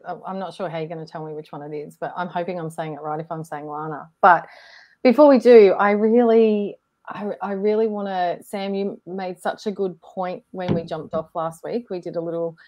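A woman co-hosting a casual online discussion, reflective and gently encouraging, often restarting her sentences. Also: lowish voice, fairly even intonation, normal speed, lo-fi sound. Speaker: co-host. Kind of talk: casual group discussion on a video call.

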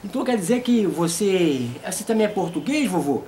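A Brazilian host and puppeteer in his fifties runs a casual comedy interview, chatting informally in a fairly high, warm voice. He is animated and fairly quick, with faint background noise.

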